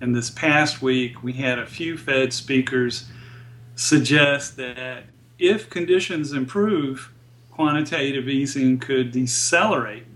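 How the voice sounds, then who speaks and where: Appearing as a guest economist in an interview, a man explains data in a measured, deliberate way. His voice is medium in pitch and a bit bright.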